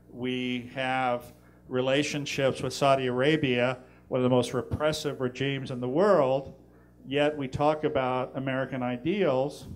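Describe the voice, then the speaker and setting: A middle-aged man, a guest speaker answering audience questions, blunt and animated with jokey asides. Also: mid-range voice, a little hiss or hum. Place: lecture room in a library. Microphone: handheld mic.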